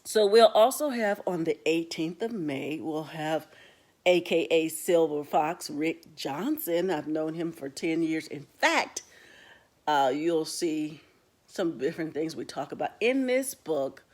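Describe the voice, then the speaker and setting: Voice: medium pitch, expressive, measured pace, darkish tone. A book club host giving a casual, rambling talk straight to the viewers and retelling stories along the way. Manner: chatty, talks straight to viewers as "guys".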